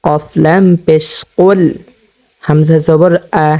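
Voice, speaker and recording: A middle-aged man teaching Quran reading, spelling each word out slowly syllable by syllable and repeating it. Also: a little high, steady tone, dark tone. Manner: slow, repeating each syllable, drawn-out melodic Arabic recitation. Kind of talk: spelling-out Quran recitation lesson.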